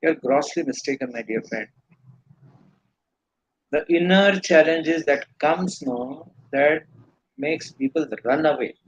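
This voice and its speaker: A man's voice: on the high side, slow, pauses often, husky, poor audio. A man with an Indian accent giving earnest, rambling spiritual teaching in a live question-and-answer session. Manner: earnest, rambling explanations with restarts.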